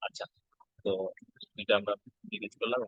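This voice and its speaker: A man's voice: normal speed, a bit bright, no room sound, highs cut off. A male teacher, giving an exam-prep lesson and patiently repeating each step.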